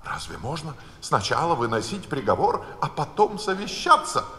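A bass reciter voicing a bold, stubborn young girl in a live storybook reading. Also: expressive, slow, a bit bright, heavily acted. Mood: defiant. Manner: defiant, insistent. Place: palace concert hall. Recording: live concert hall reverb.

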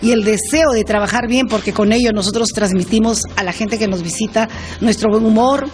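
A woman's voice: fairly high pitch, a little fast, darkish tone. An older woman who owns a restaurant speaks earnestly and gratefully from a restaurant kitchen. Faint music sits under her voice. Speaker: restaurant owner. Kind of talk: interview.

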